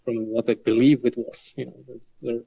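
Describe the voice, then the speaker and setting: Icelandic guy, young, monotone, lots of restarts, kinda muffled audio. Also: medium pitch, moderate pace, vocal fry, husky. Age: young adult. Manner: hesitant, repeats words while searching. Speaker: guest, folklore student. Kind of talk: casual interview conversation. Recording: dull lo-fi audio.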